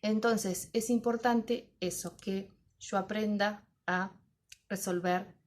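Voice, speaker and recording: A woman's voice: mid-range voice, fairly even intonation, takes it slowly. A middle-aged woman gives an informal talk to fellow teachers, reflecting aloud and often asking herself questions and then answering them. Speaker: teacher trainer.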